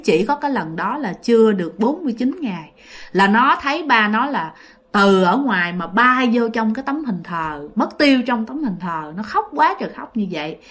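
Woman, ghost story narrator, fairly high voice, casual chatty delivery, addresses listeners. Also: a bit bright. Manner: chatty, addresses listeners directly, many fillers.

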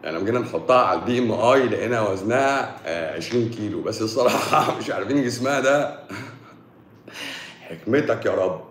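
A man's voice: fairly low pitch, fast talker, echoey room, slight background noise. A man with an Egyptian accent, a doctor giving a casual, joking talk on health in colloquial speech. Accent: Egyptian Arabic. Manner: joking, colloquial, animated explaining.

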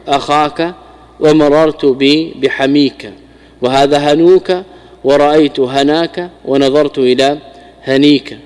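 A man's voice: fairly high pitch, darkish tone. Man teaching grammar in a reverberant hall. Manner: repeats and restarts words while explaining. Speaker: Islamic scholar teaching Arabic grammar. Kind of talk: classical grammar lesson explaining a commentary.

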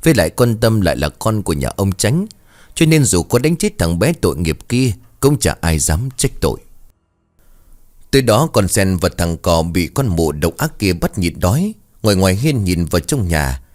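A man's voice: low voice, sing-song, normal speed, a little mellow. A man narrating a ghost story in a dramatic reading style, voicing every character himself.

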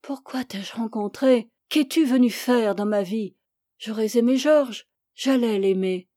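A woman's voice: fairly high pitch, a little slow, dark tone, no room sound, clean studio sound, natural voice. A woman reading an audiobook, voicing an anguished young woman who is passionate and reproachful. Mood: impassioned. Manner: impassioned, reproachful.

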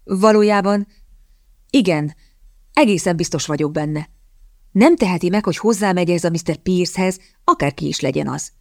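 A woman doing a flustered young gentleman. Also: fairly low pitch, dry recording, studio quality, close to an everyday voice. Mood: eager. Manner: stammering, eager.

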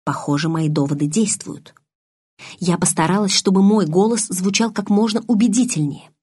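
Woman narrating an audiobook, husky. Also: mid-range voice, moderate pace, warm tone, dry recording, clean studio sound. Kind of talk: audiobook reading.

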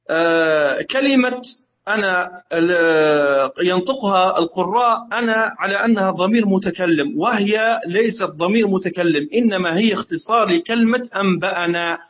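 High-voiced student reading, halting. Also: male voice, highs cut off. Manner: deliberate, with many hesitations. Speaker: student reading aloud and giving notes. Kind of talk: reading a text aloud and giving corrections.

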